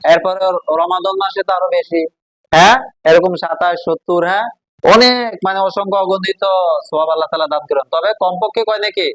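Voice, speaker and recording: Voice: mid-range voice, brisk, a bit bright, dry recording, low-quality recording. A Quran teacher, patiently drilling a class on letter sounds and asking them questions. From Bangladesh. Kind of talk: classroom call-and-response drill.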